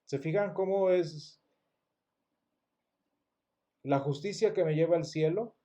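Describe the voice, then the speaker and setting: A man gives a church Bible lesson in a mellow, slightly higher voice. He explains step by step, often restarts words and keeps putting rhetorical questions to his class. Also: slow pace, muffled recording. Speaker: Sunday school teacher.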